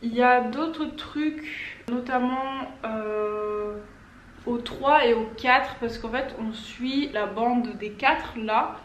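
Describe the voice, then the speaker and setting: A woman's voice: a little high, takes it slowly. Young woman rambling about books, echoey room. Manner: chatty, rambling, loses her train of thought. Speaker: book vlogger. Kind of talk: casual chat to camera. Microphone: camera or phone on a stand. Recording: echoey room with faint background noise.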